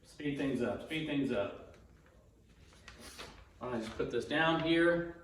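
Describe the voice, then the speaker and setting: A man with a cold gives casual, halting play-by-play of a dice betting demonstration, often repeating his calls. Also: mid-range voice, a little hiss or hum. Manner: halting, self-narrating, repeats each call. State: has a cold, throat-clearing. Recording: very echoey room, distant mic.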